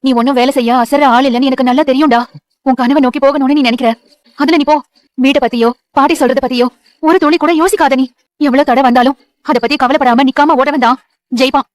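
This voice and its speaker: A woman's voice: high voice, fairly even intonation, fast talker, no room sound, natural voice. An actress playing a loving mother who reassures and encourages her grown son in a TV serial. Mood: tender. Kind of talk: TV serial acting.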